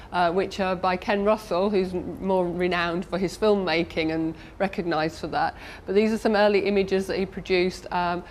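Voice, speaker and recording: A woman's voice: fairly low pitch, a little mellow, a little hiss or hum. Woman explaining an exhibition. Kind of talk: interview soundbite.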